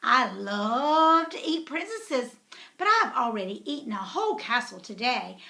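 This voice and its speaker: A woman's voice: a little high, very animated, unhurried, gravelly, sharp tone, exaggerated voice. Woman doing a boastful busy dragon. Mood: haughty.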